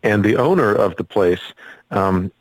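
A man's voice: on the low side, lively intonation, unhurried, no echo, rough recording. A man speaking as a musician and actor guest in a casual interview, earnest and a little hesitant.

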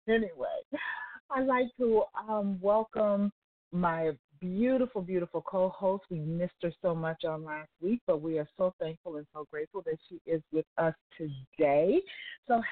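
Woman, 60s, church elder talk host; lower voice, emphatic repetition, phone-line sound. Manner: effusive, repeats phrases for emphasis.

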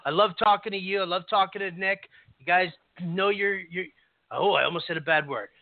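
A man's voice: high voice, fairly quick, no echo. A man speaking casually as a guest sports analyst on a talk show, over a phone line. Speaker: guest fantasy football analyst. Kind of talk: casual chat. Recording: narrow, dry phone line.

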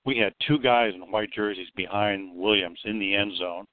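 A man from Florida calling in to a radio show over the phone, chatty and rambling as he piles on quick points. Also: on the low side, no room sound. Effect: heard over the phone. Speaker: radio call-in caller. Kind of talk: casual call-in chat. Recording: tinny phone line, dry.

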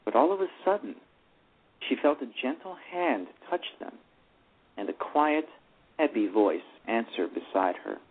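This is a man with a mid-range voice, very animated yet measured in pace, narrating a live radio play. His reading is full of stumbles and restarts, carried on a tinny phone-line radio broadcast.

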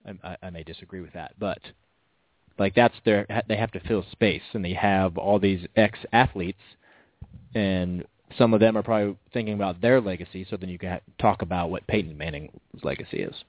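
A man with a very deep voice weighs in on a sports talk show, saying "like" often and hedging his opinions. His voice comes through dry and narrow, like a lo-fi broadcast. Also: fairly quick, no echo.

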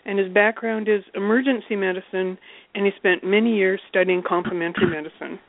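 A woman's voice: mid-range voice, steady tone, brisk, creaky, no room sound. A woman hosting a call-in radio show, steadily reading through her introduction of the guest. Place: Alberta. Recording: dry tinny phone line.

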